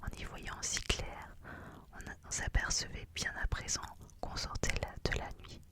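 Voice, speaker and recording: The voice is a soft, breath-only whisper with no spoken tone in it. It reads literary prose as an ASMR narration, keeping to a hushed library whisper from phrase to phrase. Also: normal speed. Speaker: reader.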